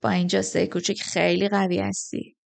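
A sleazy drunk who stumbles out of a tavern, voiced by a woman narrator, dragging out every word in a slow, slurred, coaxing drawl. He speaks low and soft, close and menacing rather than loud, like a storybook villain leaning in. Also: creaky. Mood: leering, drunken. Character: drunken leering heavyset man in a tavern street.

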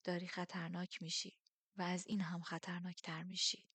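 A woman voicing a ragged, fanatical male priest who speaks in a hushed, slow, creeping way. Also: on the low side, monotone, slightly rough, no echo. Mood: hushed menace.

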